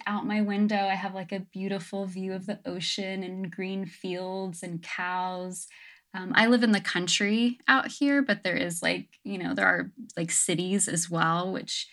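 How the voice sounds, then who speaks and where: Speaking from her island home, a young adult woman is a casual, reflective interview guest who says "um" and "like" often. Her voice sits at medium pitch with a fairly bright tone.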